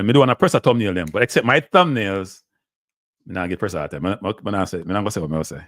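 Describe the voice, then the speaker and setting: Middle-aged Jamaican man, live-stream host, preachy and lively, patois slips, dry close sound. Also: lowish voice, dry recording. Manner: animated, lecturing, slips in and out of patois, answers viewer chat. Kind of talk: ranting live stream commentary.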